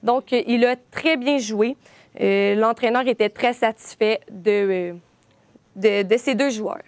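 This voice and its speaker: A woman's voice: a little high, dry recording. Woman sports reporter, dry sound. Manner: halting, frequent filler sounds.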